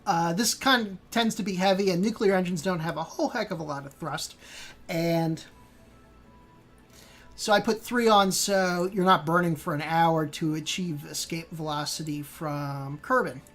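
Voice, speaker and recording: A woman's voice: lowish voice, normal speed, soft background music. A woman hosting a casual gameplay walkthrough, rambling with many fillers and self-corrections. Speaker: host.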